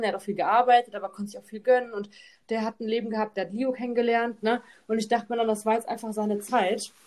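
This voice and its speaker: A woman's voice: mid-range voice, darkish tone. A young woman chatting casually on a podcast, often checking in with "ne?" at the end of her phrases. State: tearful at times. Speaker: podcast co-host.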